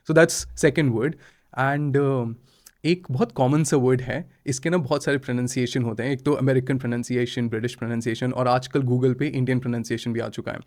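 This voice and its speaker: A man's voice: mid-range voice, darkish tone. A man in his thirties, a language trainer, talking in a podcast interview, mixing Hindi and English and laughing often. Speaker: IELTS trainer guest.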